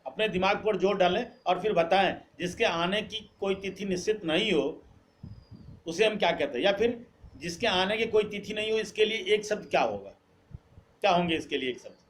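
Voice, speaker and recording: A man's voice: high voice, animated, moderate pace, slight background noise. A man teaching a grammar lesson, asking the class questions, then answering them and repeating the key words. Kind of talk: classroom-style lesson, quizzing students.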